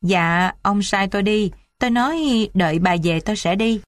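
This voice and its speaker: A woman's voice: mid-range voice, moderate pace, dry recording, clean studio sound, natural voice. A woman voicing a humble female cook answering her mistress deferentially.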